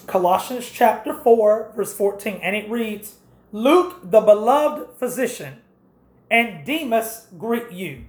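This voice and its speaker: A woman's voice: mid-range voice, animated, slow, darkish tone, echoey room. A woman preaching a sermon, directing listeners through scripture passages and explaining them step by step.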